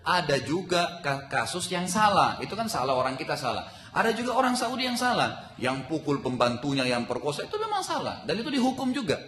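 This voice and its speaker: A man's voice: fairly high pitch, sing-song, brisk, fairly bright tone. A man giving a sermon to a congregation, asking them rhetorical questions. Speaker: preacher. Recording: echoey hall with long reverb.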